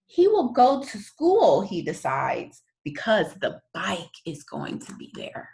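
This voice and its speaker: Gravelly and mid-range, a woman's voice carries a children's story read in storyteller fashion. Her delivery is deliberate and expressive, punctuated by dramatic emphasis.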